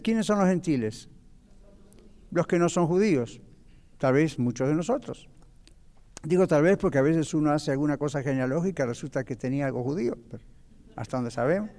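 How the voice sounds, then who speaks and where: A man's voice: fairly high pitch, a little mellow, big-room sound. A man teaching a Bible lesson to a church class, explaining patiently and asking the audience questions.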